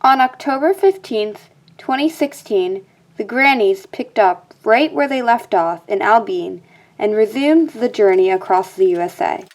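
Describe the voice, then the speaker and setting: A young woman narrating a documentary in a steady, scripted reading. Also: fairly high pitch, unhurried.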